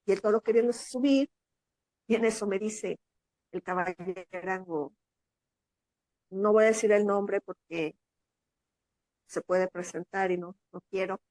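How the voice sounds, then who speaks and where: A woman from Mexico with a Mexican accent, a guest telling a long personal story in an interview and acting out the voices of people in it. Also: dry recording. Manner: animated, acts out quoted voices in a higher pitch.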